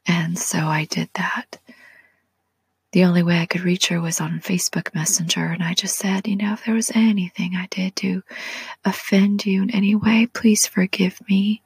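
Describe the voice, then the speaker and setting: Woman, 40s, low gravelly whisper, gentle devotional ASMR-style guide. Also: dry recording. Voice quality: breathy whisper. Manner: slow, soft and prayerful, speaks directly to the listener.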